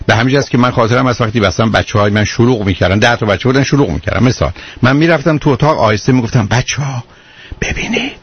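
A middle-aged man giving parenting advice to callers on a radio call-in show, in a calm and patient manner. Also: medium pitch, few pauses, slightly rough. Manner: calm, patient, explaining at length. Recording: muffled radio broadcast.

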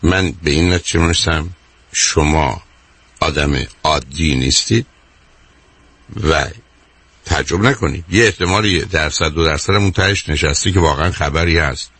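A man's voice: a bass voice, a bit bright, slightly rough, no room sound. A man hosting a radio call-in as a psychologist, interrupting insistently and repeating "my dear" and "wait".

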